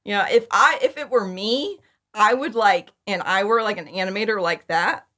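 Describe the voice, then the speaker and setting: Speaking at a normal speed with a medium-pitched, pushed and bright voice, this woman in her thirties is a podcast guest who creates fan audio dramas. She chats casually in interview answers, enthusiastic, informal and giggly.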